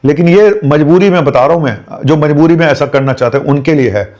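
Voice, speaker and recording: A man's voice: a little high, brisk, darkish tone, dull audio. A middle-aged man, a doctor, giving emphatic, direct health advice in a video. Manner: emphatic, pleading and direct with viewers.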